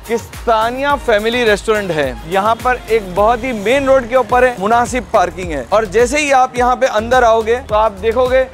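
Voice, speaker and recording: A man's voice: extremely high pitch, moderate pace, hardly any pauses, fairly bright tone, soft background music. A middle-aged man hosting a food vlog, walking through a restaurant and describing it with eager, polite phrasing. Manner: enthusiastic, Urdu-flavored polite phrasing. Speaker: food vlogger host. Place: restaurant, indoors and on street outside.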